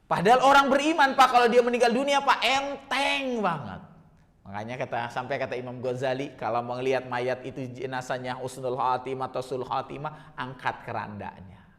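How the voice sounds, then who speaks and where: A man's voice: medium pitch, fairly even intonation, normal speed, a bit bright, big-room sound. A man giving a religious lecture, telling vivid stories and constantly addressing his listeners as sir. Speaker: religious teacher.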